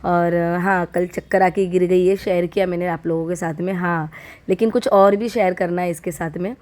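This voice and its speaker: Mellow-voiced woman vlogging while unwell. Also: on the low side, fairly even intonation, normal speed. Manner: chatty and heartfelt, speaks straight to viewers. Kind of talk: casual vlog talk to viewers.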